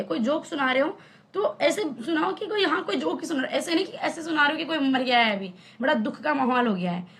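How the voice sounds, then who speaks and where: Young female tutor, high voice, casual and conversational online lesson. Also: creaky, a bit bright. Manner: chatty, explains with everyday examples and rhetorical questions. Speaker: teacher.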